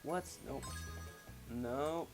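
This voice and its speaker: A young man who is a little sick and congested, hosting a casual let's play with a relaxed, joking manner. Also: mid-range voice, extremely slow. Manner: relaxed, joking, laughs easily. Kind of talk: casual gaming chat. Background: game music.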